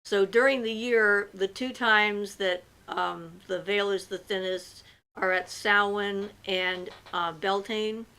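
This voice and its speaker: A woman's voice: medium pitch, steady tone, takes it slowly, bright, forceful tone, smooth, rough recording. A woman hosting a livestream, reading out viewers' questions and answering them in a loose, chatty way with many fillers. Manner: reads viewer comments aloud, then answers at length with fillers. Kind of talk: casual livestream chat.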